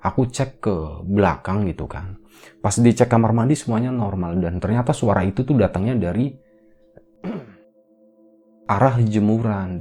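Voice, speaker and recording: A man with an Indonesian accent tells a ghost story in an easy, conversational manner, his voice deep and mellow. Faint music plays underneath. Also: creaky. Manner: relaxed conversational storytelling with fillers. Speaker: horror storyteller. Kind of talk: casual retelling of a ghost story.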